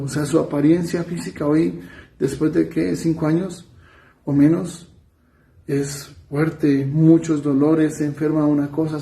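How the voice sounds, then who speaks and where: Colombian priest preaching in an echoey room. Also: male voice, fairly high pitch. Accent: Colombian Spanish. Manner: conversational preaching, soft trailing asides, quick runs then slow emphasis. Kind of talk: sermon.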